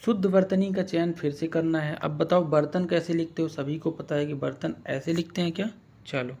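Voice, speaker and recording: A man runs a casual exam-prep lesson, often asking his viewers questions and drawing words out slowly to spell them. His voice sits a bit high and has a gravelly edge. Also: darkish tone. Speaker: online exam-prep teacher.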